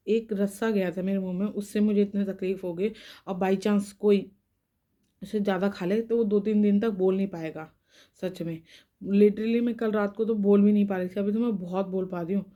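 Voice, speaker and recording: With highs cut off in the recording, a young woman's warm mid-range voice carries a wandering personal story told to camera. She speaks carefully because of pain in her tongue and lips, frequently beginning sentences again.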